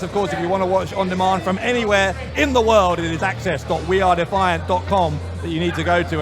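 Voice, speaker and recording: A man commentating on a wrestling show, upbeat and promotional. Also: sits high. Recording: music bed behind.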